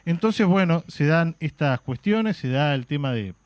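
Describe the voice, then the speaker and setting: With lively intonation and a measured pace, a man whose voice runs on the high side explains history as a guest on a radio talk show, in a Uruguayan Spanish accent. He's patient but restarts often, leaning on "este" and "eh", and the studio mic has no echo.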